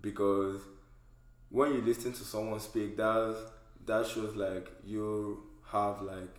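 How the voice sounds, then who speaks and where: A man's voice: on the low side, little pitch movement, slow. A man leading a casual group discussion, talking loosely with lots of "like" and "you know". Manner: conversational, many fillers like "like" and "you know". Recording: echoey room.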